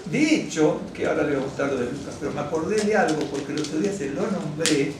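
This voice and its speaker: A rabbi, a man, preaching a lively, wandering sermon that keeps checking in with the congregation. His voice sits a little high and booms around a very echoey hall. It is picked up from a distance, with faint room ambience behind. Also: fast talker, noisy background. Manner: lively, digressive, asks "¿no es cierto?" often; addresses congregation directly, gets excited. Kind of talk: conversational sermon teaching. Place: synagogue hall.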